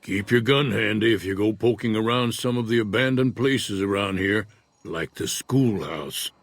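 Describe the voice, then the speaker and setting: An actor voicing a retired old male prospector in a video game, speaking in an unhurried folksy drawl. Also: on the low side, no room sound. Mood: easygoing. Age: older. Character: weathered old male prospector, laid-back and wary. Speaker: retired prospector in a frontier town.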